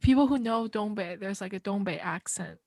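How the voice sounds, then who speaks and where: A woman's voice: medium pitch, fairly quick, darkish tone, no room sound. A woman from northeast China, co-hosting a podcast in casual, reflective chat.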